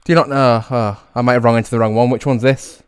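A man's voice: medium pitch, fairly even intonation, quick pace, clean tone. Hesitant young Englishman on prank calls. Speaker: prank caller, video host. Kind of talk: casual improvised prank phone calls. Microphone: close microphone on a boom arm.

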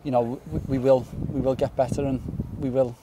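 A young man in his twenties, a footballer giving a post-match interview outdoors on a floodlit pitch at night, earnest and repeating words as he thinks. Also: flat delivery, fairly quick, lo-fi sound, background noise. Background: faint outdoor stadium ambience.

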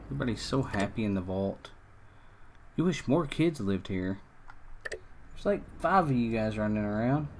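A man giving casual let's-play commentary, chatting to his game characters and breaking into excited outbursts. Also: fairly low pitch, moderate pace, pauses often, slight background noise. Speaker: gameplay streamer. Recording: faint game music behind.

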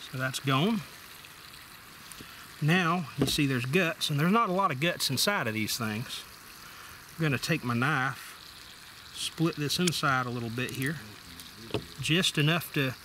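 A man's voice: medium pitch, pushed and bright. Folksy man over pump noise. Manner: plain, folksy, step-by-step explaining while working with his hands. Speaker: outdoor survival vlogger. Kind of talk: casual how-to demonstration. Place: outdoor camp table in the woods. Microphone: camera mounted overhead. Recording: water pump noise in background.

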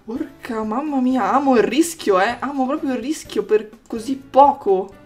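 Excitable high-voiced woman gamer. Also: moderate pace, faint music behind. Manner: excitable, exclaiming and teasing opponents. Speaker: gaming YouTuber. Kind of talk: gameplay commentary.

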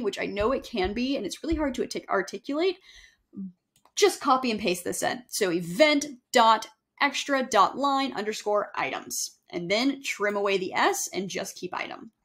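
Young woman walking thru a software tutorial, kinda high voice, chatty, lots of ums. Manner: casual, chatty, self-correcting with fillers. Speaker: email marketing instructor. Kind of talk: screen-share software tutorial. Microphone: webcam overlay on screen recording.

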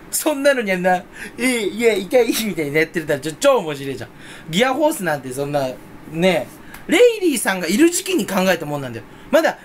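A man's voice: high voice, a little hiss or hum. A young man rambling playfully in a solo casual chat, mocking himself as he goes. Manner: mock Kansai dialect in quoted bits. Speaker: streamer.

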